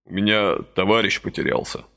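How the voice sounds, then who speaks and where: A gruff, reluctant young man, voiced by a male reader, who mutters and snaps back his answers. The voice sits low and a little gravelly, close to the reader's own. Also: animated, a little fast, sharp tone, heavily acted. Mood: grumbling. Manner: grumbling and reluctant. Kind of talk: audiobook character voice.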